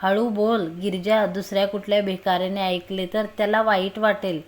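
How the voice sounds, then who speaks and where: A woman voicing a young man who jokes and calms his tipsy girlfriend in a read-aloud story. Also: mid-range voice, normal speed, lightly acted. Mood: soothing. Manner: joking, soothing. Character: young man, teasing and calming.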